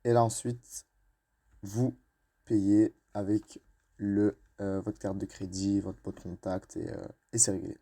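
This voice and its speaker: A man's voice: on the low side, level tone, takes it slowly, gravelly, warm tone. A young man, explaining step by step with many fillers and restarts. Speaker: YouTuber. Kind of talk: screen-recorded tutorial narration.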